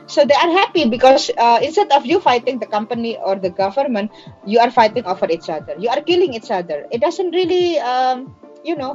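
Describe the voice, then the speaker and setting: A woman's voice: on the high side, darkish tone, muffled recording. A woman, an organizer answering in an interview with passion, explaining emphatically and repeating phrases to drive points home. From Indonesia. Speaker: migrant workers' organizer and activist.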